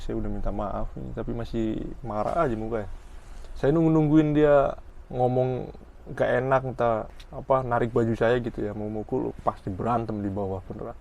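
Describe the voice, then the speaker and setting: Animated man telling a story. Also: mid-range voice, gravelly, a little hiss or hum. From Indonesia. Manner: animated, slangy, coarse. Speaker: vlogger. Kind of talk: casual storytelling.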